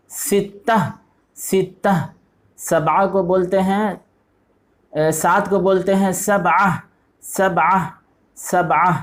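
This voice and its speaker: A man teaching an online language lesson, patiently repeating each word several times. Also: high-pitched. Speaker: Arabic teacher.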